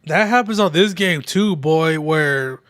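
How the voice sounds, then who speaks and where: A young man with a somewhat high voice talks loosely and profanely while he plays, a little drunk and nursing a sore throat. The sound is dry and close, with no room echo. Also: measured pace, a bit bright. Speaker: streamer. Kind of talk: casual gaming livestream chat.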